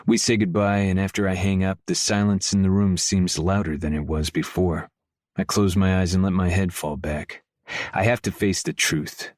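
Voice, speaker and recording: A man narrating a romance audiobook in first person, his voice very low and his delivery intimate and measured. He is recorded close to the mic in a dry, dead studio sound. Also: no echo.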